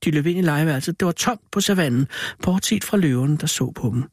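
A theatrical storytelling ape. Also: male voice, a little high, animated, no room sound, clean studio sound. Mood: spooky. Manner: dramatic, theatrical reading. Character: storytelling male ape, spooky. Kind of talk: scripted spooky story reading.

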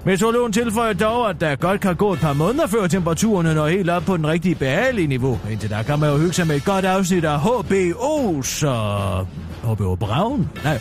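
A brazen, self-important female news anchor from satirical radio comedy, played by a man. The voice sits on the high side for a man and swings widely in pitch. The delivery is theatrical and needling, with faint music behind it. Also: sing-song. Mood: brisk newsreading.

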